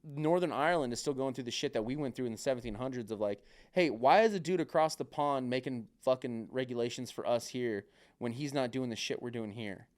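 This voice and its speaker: A man talks on a podcast in a rambling, casual way, swearing freely and padding his sentences with filler words. His voice is smooth and resonant at an ordinary pitch. Now and then he drops into other people's voices to act out what they said. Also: a little fast. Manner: acts out other people's remarks.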